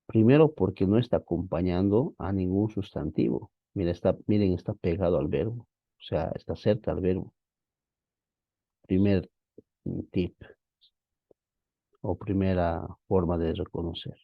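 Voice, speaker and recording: Slow, deep-voiced man teaching biblical Greek. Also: creaky, breathy edge, dry recording, dull audio. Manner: patient, explanatory, addresses students as brothers. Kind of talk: online class lecture.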